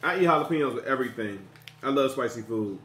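A man's voice: mid-range voice, animated, quick pace, a bit bright, slight background noise. A man hosting a casual food review taste test at home, chatty and teasing. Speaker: video host. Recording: echoey room.

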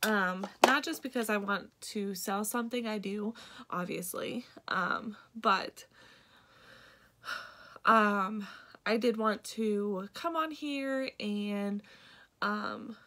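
A woman's voice: mid-range voice, takes it slowly, pushed and bright. A young woman with a congested voice, chatting casually through a makeup vlog with lots of ums and likes. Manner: rambling, many ums and likes. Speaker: beauty vlogger and product seller.

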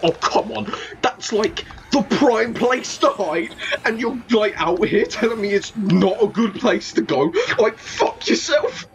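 A man's voice: high-pitched, unhurried, creaky, few pauses, a little hiss or hum. A man giving profane commentary while playing a horror game, laughing often and talking back to the game. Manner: swears a lot, laughs often, talks to the game. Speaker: let's play gamer.

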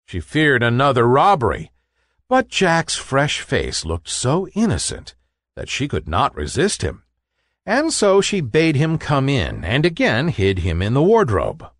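A man reads a storybook tale at a slow, careful pace for learners. His pitch rises and falls widely as he tells it. The close mic sounds dry, with no room behind him. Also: fairly bright tone, dry recording.

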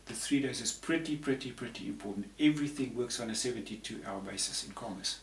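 A fast-talking man with a medium-pitched voice, this Zambian panel guest in his sixties explains things in a rambling, conversational way and often repeats himself word for word. He's in a room backed by a patterned tapestry, recorded with a roomy, distant quality and faint hiss.

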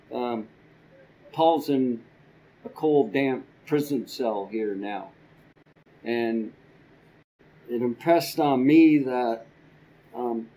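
An older man teaching a church Bible class from a podium, slow and halting with frequent ums and repeated words. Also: mid-range voice, dark tone, low-quality recording. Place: church classroom with a projector screen. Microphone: podium microphone.

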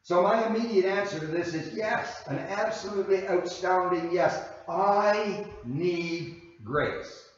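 A man preaching a sermon as a guest minister, slow and deliberate, leaning hard on key phrases. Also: sits high, fairly even intonation. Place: church sanctuary. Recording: very echoey hall, voice from far off, dull sound.

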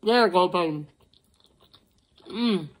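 A woman's voice: on the low side, slow pace. Woman talking with her mouth full. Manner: chatty, savoring with long hums. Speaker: food vlogger. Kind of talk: casual food review.

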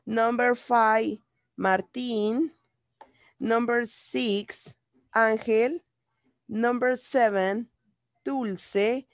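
Woman teacher, slow and patient, dry close sound, video call. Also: on the high side, fairly even intonation, dry recording. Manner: patient, repeats each English phrase in Spanish. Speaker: primary school English teacher. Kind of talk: online class teaching young children.

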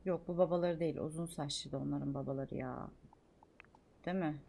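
A young woman streaming a life-sim game, chattering excitedly, scolding the characters and swinging from mutters to shouts. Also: deep voice, a little fast, vocal fry. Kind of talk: live gameplay commentary.

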